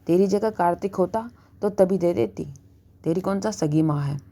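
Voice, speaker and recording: A woman voicing an angry middle-aged husband who shouts and taunts, in a storybook reading. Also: on the low side, moderate pace, vocal fry. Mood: taunting. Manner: shouting, sarcastic.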